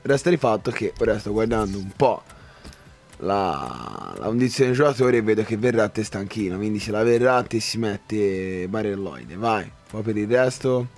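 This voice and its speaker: Excitable man commentating a game. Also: fairly low pitch, moderate pace. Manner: excitable, shouts at goals, swears. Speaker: gaming YouTuber.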